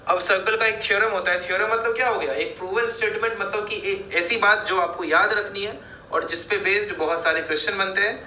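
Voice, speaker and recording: A man's voice: high-pitched, fairly even intonation, a little fast, sharp tone, a little hiss or hum. A male math teacher giving a board lecture, explaining step by step and asking and answering his own questions. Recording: echoey room.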